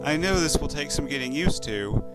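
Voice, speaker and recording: A man's voice: fairly high pitch, lively intonation, normal speed, over loud music, lightly acted, rough recording. A man voicing a soothing father. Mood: gentle. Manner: soothing, reassuring. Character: gentle father. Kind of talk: horror story reading.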